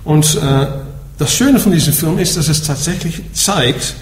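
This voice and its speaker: A Dutch man with a Dutch accent gives a dharma talk in German to a group, teaching Buddhism. He explains patiently and checks in with "ja?" after nearly every point. His voice is on the high side and unhurried, in an echoey room with faint background noise.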